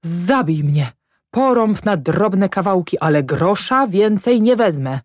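Woman doing a weepy drunk old village headman, higher, pleading, slow, dry sound. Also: expressive, darkish tone, no echo, exaggerated voice. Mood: sobbing. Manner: tearful, pleading, self-abasing. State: sobbing, drunk.

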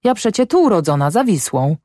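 A woman voicing a tired but energetic young German colonist woman in a storybook, answering briskly and proudly. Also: lowish voice, no echo, studio quality, pitched above the performer's own voice. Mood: earnest.

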